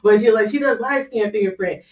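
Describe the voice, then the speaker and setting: A woman's voice: medium pitch, a little fast, recorded from a distance. A woman casually telling a personal faith story, chatty and loose, with lots of fillers and easy laughter. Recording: echoey room, voice set back from the mic.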